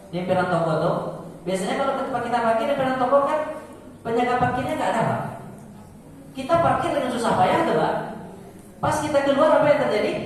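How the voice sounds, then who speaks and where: A man giving a short mosque sermon in a storytelling way, with speech, often addressing listeners as "sir" and acting out the people in his stories. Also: very high voice. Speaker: preacher. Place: mosque hall. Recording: echoey hall from far off, faint noise.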